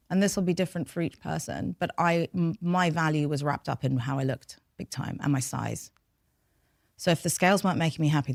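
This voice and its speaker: Her pitch is fairly low and her London English carries traces of a Farsi first language. As a podcast guest and behaviour change scientist, she reflects frankly through long, flowing sentences in candid interview storytelling, recorded in studio quality with no echo.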